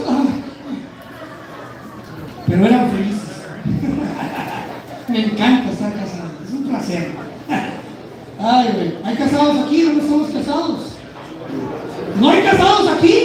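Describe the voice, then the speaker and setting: A man, bantering with the crowd at a live show. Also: very high voice. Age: 30s. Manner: crude, rowdy banter with the crowd. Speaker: stand-up comedian. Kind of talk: stand-up comedy. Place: live show venue with audience. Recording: distant echoey live room.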